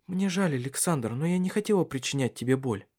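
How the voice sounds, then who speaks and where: Male reader doing an eager, worried young wife in an audiobook; raised pitch, very expressive. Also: moderate pace. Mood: subdued. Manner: pleading, pressing questions. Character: anxious, insistent young wife. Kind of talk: audiobook character reading.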